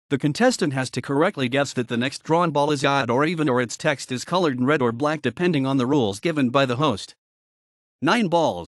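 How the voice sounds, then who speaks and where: A man's voice: mid-range voice, no room sound, studio quality. A man reading scripted informational narration aloud in a matter-of-fact, expository way. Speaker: narrator reading an encyclopedia article.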